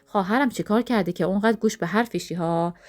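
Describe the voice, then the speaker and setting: A woman voicing a sharp-tongued, sarcastic sister in an audio story. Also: medium pitch, lightly acted. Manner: teasing, sarcastic.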